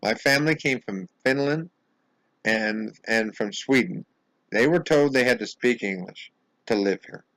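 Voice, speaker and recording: An American man speaking a home video monologue in an indignant, insistent way, halting often and repeating words as he restarts his sentences. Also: lowish voice, a bit bright, dry recording, rough recording. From United States. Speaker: vlogger. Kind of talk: angry monologue to camera.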